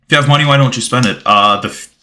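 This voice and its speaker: Streamer: young man, Bulgarian-native, bright forward tone, rambling casual chat, reads chat and thanks followers. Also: mid-range voice, fast. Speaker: gaming livestreamer.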